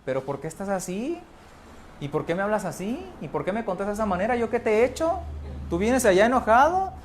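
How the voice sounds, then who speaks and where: Nagging wife put on by a man, shrill, pleading, questioning. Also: very animated, a little hiss or hum. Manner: pleading, rapid-fire questions.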